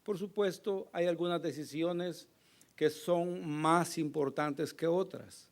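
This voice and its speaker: A male pastor preaching a sermon with a hoarse voice, earnest and emphatic, pausing to address the congregation. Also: a little high. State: hoarse, recovering from lost voice.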